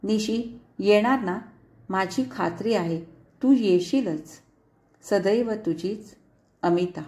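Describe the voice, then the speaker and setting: A woman's voice: medium pitch, slow pace, dark tone. A woman storyteller reading a story aloud in a tender, pleading, letter-like manner. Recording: echoey room.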